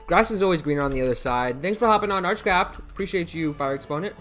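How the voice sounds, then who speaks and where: Soft music plays behind this fast-talking young man from the United States, whose voice sits on the high side and sounds expressive and fairly bright. Hosting a live game stream at his computer indoors, he rambles and repeats himself, reading chat aloud and thanking viewers by name through a headset mic.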